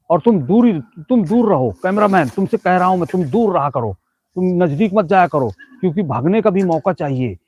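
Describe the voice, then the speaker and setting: A man with a husky, breathy voice that sits a little high for a man. He hosts a comic live ghost-hunt vlog. He keeps repeating urgent warnings to stay back and rattles off quick like-and-subscribe pleas. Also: a little mellow. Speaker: host of a comic ghost-hunting show.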